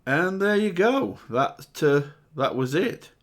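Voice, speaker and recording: A man's voice: fairly high pitch, very animated, slow. A man hosting a reaction video, chatting casually and breaking down rap lyrics with plenty of fillers. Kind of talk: casual commentary reacting to music.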